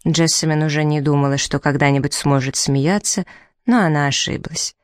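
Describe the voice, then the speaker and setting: A woman's voice: low-pitched, fairly even intonation, normal speed, dry recording. Woman narrating a novel, dry close sound. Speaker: audiobook narrator. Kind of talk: scripted narration.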